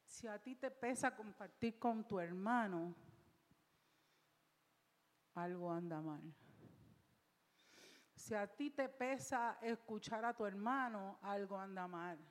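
A woman's voice: mid-range voice, slow, pauses often, in a large hall. A woman pastor preaching a sermon in church, emphatic and repetitive, with rhetorical questions.

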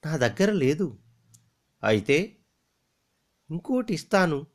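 A man's voice: on the high side, very animated, slow pace, voice pushed up, heavily acted. A man voicing Lata, a tender grieving creeper maiden. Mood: reluctant. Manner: pleading, tearful. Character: young female flowering creeper, tender and grieving.

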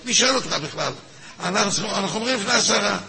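A man's voice: high-pitched, vocal fry. A man teaching a weekly religious class, acting out both sides of a debate and firing questions at his listeners. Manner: animated, acts out both sides of a halachic dispute; repeats words, asks the audience questions. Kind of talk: lively Torah lesson with a class.

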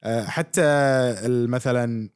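A man's voice: mid-range voice, clear, resonant tone, no room sound, studio quality. A young man with a Kuwaiti Arabic accent, co-hosting a casual podcast chat and mixing English phrases into his talk. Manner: animated, quick, mixes English into Gulf Arabic. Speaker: podcast co-host.

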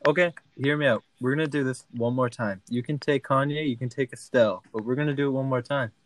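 A man's voice: mid-range voice, steady tone, quick pace, slight background noise, rough recording. A man co-hosting a podcast in casual banter, playful and laughing as he coaxes his co-host. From outside the United States.

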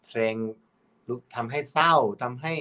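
A young man, a songwriter guest on a podcast, talking casually in a halting way with lots of fillers. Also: medium pitch. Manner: relaxed, halting, with many fillers and restarts.

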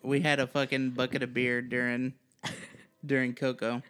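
A man's voice: medium pitch, flat delivery, normal speed, a bit bright, clean tone. A man co-hosting a podcast in casual chat, easygoing and heartfelt. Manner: easygoing, heartfelt, calls people dude. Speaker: podcast co-host.

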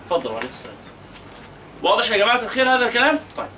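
A man's voice: high voice, sing-song, racing, bright, forceful tone, distant mic, slight background noise. A man with an Egyptian accent teaching a tajweed lesson, questioning his students patiently and stretching out recited words to show the rules. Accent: Egyptian Arabic.

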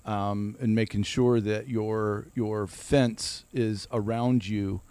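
A man's voice: fairly low pitch, flat delivery, takes it slowly, mellow, smooth, dry recording. A man from Ohio, co-hosting a casual ministry podcast and talking earnestly, often repeating words while he builds a point. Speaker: podcast co-host.

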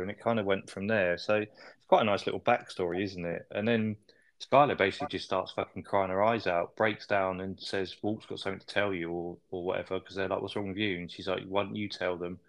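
A man hosting a casual recap chat in an easygoing way, often adding tag questions. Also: deep voice. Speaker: podcast host.

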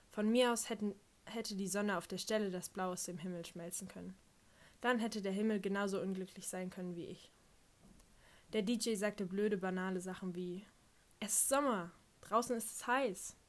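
A woman reading a first-person audiobook narration with a dry, wry delivery. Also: medium pitch.

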